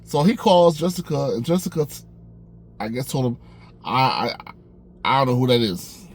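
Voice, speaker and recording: A young man casually telling a personal story, animated, acting out the dialogue with a raised voice. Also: mid-range voice, normal speed, slight background noise. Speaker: storyteller vlogger.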